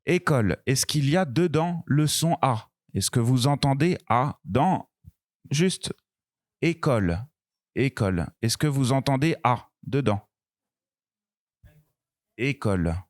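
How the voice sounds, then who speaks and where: A man teaching a beginner French pronunciation lesson, slow and patient, repeating each word and sound clearly. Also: medium pitch, expressive, no echo, clean studio sound.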